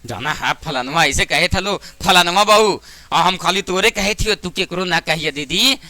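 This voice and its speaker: A man voicing a chatty, secretive village woman, passing on gossip in a hushed, confiding way. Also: high voice, normal speed, no room sound, pitched below the performer's own voice. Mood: gossipy.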